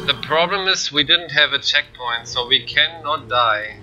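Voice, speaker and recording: A gamer and speedrunner whose first language isn't English gives explanatory live commentary while playing through a speedrun. His mid-range voice is a little slow, and his manner is plain, with background noise audible.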